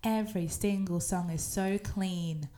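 A woman's voice: lowish voice, steady tone, measured pace, mellow. A young woman, a singer co-hosting a podcast, chatting eagerly with many filler words. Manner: enthusiastic, filler-heavy. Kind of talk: casual chat.

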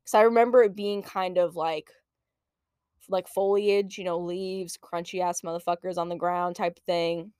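A woman in her late twenties hosting a podcast, telling a personal story in a casual, animated, profane way and laughing often. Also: on the low side, normal speed, smooth, dry recording, studio quality. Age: late 20s. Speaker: podcast host.

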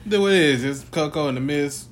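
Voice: medium pitch, fast talker, a crowd in the background. A podcast co-host in a playful casual chat, teasing a partner and laughing often.

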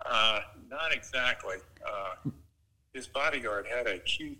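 A middle-aged father on speakerphone from an airport while boarding a flight, speaking casually and haltingly with many pauses. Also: medium pitch, pushed and bright, low-quality recording. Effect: heard over a phone on speakerphone. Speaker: father called by his daughter.

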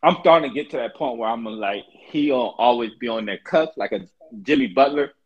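A man's voice: mid-range voice, moderate pace, breathy edge, dull audio. A man chatting casually about sports like a fan commentator, in slangy, profane, emphatic buddy talk.

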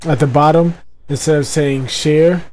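A man's voice: fairly high pitch, steady tone, unhurried, darkish tone. A man co-hosting a podcast from home over a video call, laid-back, giggly and teasing. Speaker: podcast co-host. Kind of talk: casual chat. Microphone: computer video call.

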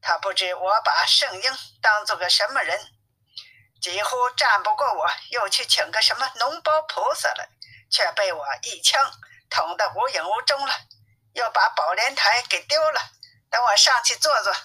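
A woman's voice: on the high side, lively intonation, moderate pace, sharp tone, slightly rough, full character voice, poor audio. A woman voicing an arrogant young demon king in a storybook reading, sneering and boastful in speech.

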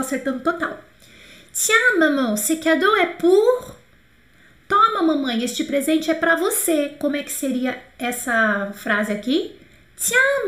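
A woman with a Brazilian Portuguese accent teaching a live online French lesson, chatty and lively, slowly repeating phrases for students to drill. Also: high-pitched, roomy sound.

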